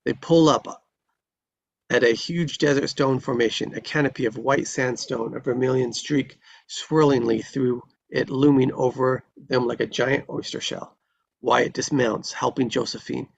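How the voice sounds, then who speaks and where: A man reads a screenplay's stage directions as narrator during a live table read, using a descriptive storytelling style. His gravelly mid-range voice keeps a fairly even intonation at a measured pace. Audio is dull and lo-fi, with faint noise.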